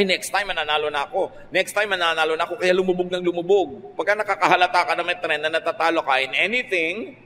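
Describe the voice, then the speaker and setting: A man with a Filipino accent, a pastor giving a conversational radio sermon that mixes Filipino and English, with sudden lively rises in pitch. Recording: faint noise, long reverb.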